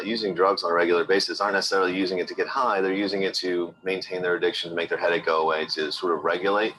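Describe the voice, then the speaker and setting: A man's voice: deep voice, bright, forceful tone, poor audio. A man talking casually and matter-of-factly as a local guide in a documentary interview. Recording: noticeable street or vehicle noise.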